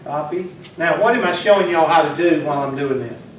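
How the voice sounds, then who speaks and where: In a classroom lecture, a man with a somewhat high voice talks a little fast, teasing the students and talking with them while he works. The recording comes from far away, picking up the room's echo and faint noise.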